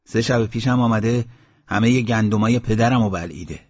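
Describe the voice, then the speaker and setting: A man's voice: lowish voice, a little mellow, husky, dry recording. A man voicing a blunt, agitated young male villager, on a dull lo-fi audiobook recording.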